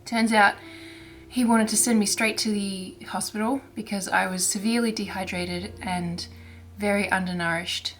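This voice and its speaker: A cross-stitch vlogger chats casually on her own crafting vlog, speaking softly and haltingly with frequent restarts. Throat irritation leaves her mid-range voice hoarse and raspy, though her tone stays steady, with slight background noise.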